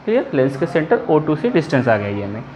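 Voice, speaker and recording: A physics teacher working through a derivation step by step. The teacher dictates formulas deliberately, mixes in English technical terms and often stops to ask whether it is clear. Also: mid-range voice, big pitch swings, darkish tone, slight background noise. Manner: switches between Hindi and English technical phrases. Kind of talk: blackboard-style lecture working through a derivation. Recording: echoey room, dull lo-fi sound.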